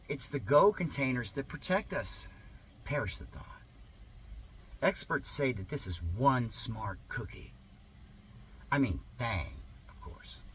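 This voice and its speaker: A man with a medium-pitched, fairly bright voice reads a satirical article aloud as a monologue. His delivery is sarcastic, mock-earnest, and theatrical, with exaggerated emphasis. A little hiss or hum is audible.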